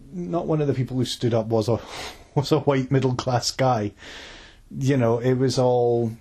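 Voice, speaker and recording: A man's voice: medium pitch, a little mellow, husky. A man co-hosting a podcast in casual chat, rambling and restarting, laughing often. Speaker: podcast co-host.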